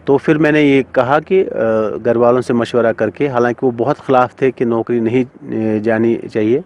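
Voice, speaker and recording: A middle-aged man, a singer and composer being interviewed, speaking thoughtfully with many pauses and fillers. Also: medium pitch, fairly even intonation, darkish tone. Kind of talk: casual interview talk.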